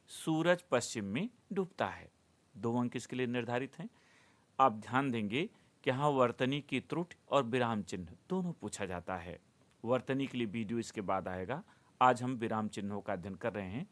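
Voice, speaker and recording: A middle-aged man teaching a Hindi grammar lesson, explaining rules step by step and listing items slowly, as if for dictation. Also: mid-range voice, animated, a bit bright. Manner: slow, deliberate, dictation-like enumeration.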